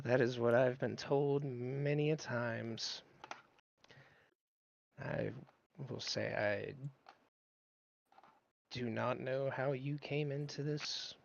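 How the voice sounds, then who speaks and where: A man's voice: medium pitch, gravelly, lo-fi sound. A man voicing a curious, courteous male gnome adventurer who speaks formally and earnestly.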